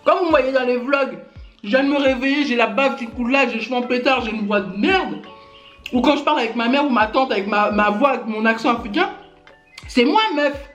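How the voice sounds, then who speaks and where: This woman, a YouTuber born in Gabon, delivers an indignant rant to camera aimed squarely at her critics, loaded with fillers such as "hein" and "genre." Her fairly high, slightly bright voice is brisk, though the audio sounds dull. There's faint music and an echoey room.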